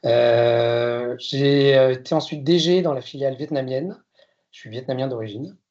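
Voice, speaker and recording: A man from France, in his fifties, gives a consultant's masterclass talk in a medium-pitched, darkish voice at a moderate pace. The sound is lo-fi. His hesitant delivery relies on frequent fillers and self-deprecating jokes.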